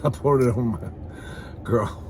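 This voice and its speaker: Against a noisy background, a man with a medium-pitched voice speaks unhurriedly. He hosts a comedy mukbang vlog, chatting comically to the camera while eating, with a campy, sassy manner, calling viewers "girl" and "honey," and he's bawdy and swears freely.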